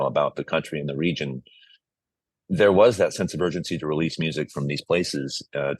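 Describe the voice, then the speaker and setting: A husky bass voice belongs to a middle-aged American musician and music compiler from the Bay Area around San Francisco. In a dry recording, he gives earnest, reflective interview answers, often groping for words.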